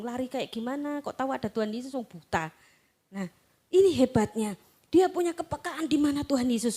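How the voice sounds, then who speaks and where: An Indonesian woman preacher who reads scripture slowly and emphatically, then retells the story in a chatty sermon style, acting out the quotes. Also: high voice, warm tone. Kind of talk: sermon with Bible reading.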